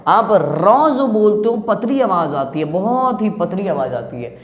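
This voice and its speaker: A man teaching students how to pronounce sounds, slowly drawing out each example as he demonstrates it. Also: high-pitched, very animated. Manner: slow, drawn-out demonstration of sounds. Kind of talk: pronunciation lesson. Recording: echoey room with long reverb.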